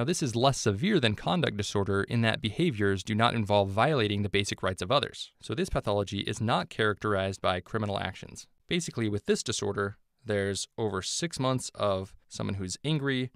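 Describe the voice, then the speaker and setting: A man giving a scripted medical lecture, explaining clearly and offering memory hooks. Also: fairly low pitch, no echo, clean studio sound.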